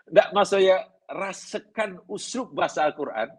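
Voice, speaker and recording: A middle-aged man leads a religious study class. His voice sits a little high and has a husky grain. He explains in an easygoing, conversational way, working through plain everyday examples. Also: animated, moderate pace, poor audio. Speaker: religious teacher. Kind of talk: classroom lecture on hadith. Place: class at an Islamic study centre.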